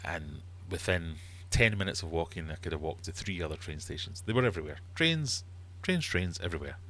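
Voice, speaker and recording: This Glasgow-born livestream host and quizmaster, a middle-aged man with a Glaswegian Scottish accent, rambles casually through live chat and viewer comments. He speaks in a low, animated voice that runs a little fast and a bit bright.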